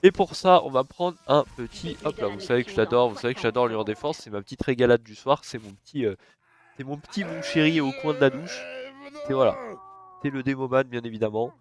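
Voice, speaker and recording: With crowd noise in the background, a young gaming YouTuber with a cold and a stuffed-up nose chats casually through his game, cursing and letting out sudden excited yelps. His voice is mid-range and fairly quick.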